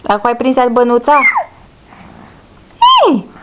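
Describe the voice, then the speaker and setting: A woman's voice: a little high, darkish tone, slight background noise. A woman talking baby talk to her infant daughter, coaxing her with sing-song, repeated words at home. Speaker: mother.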